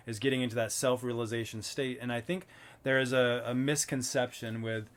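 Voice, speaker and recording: A man in casual podcast conversation, explaining ideas in a reflective, measured way. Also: medium pitch, steady tone, fairly bright tone.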